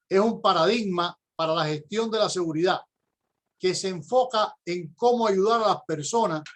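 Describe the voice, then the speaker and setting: Delivering a prepared talk at a conference, a middle-aged Cuban university professor speaks with an accent and a voice that sits quite high for a man. His explanation moves in measured steps, with occasional pauses as he searches for words.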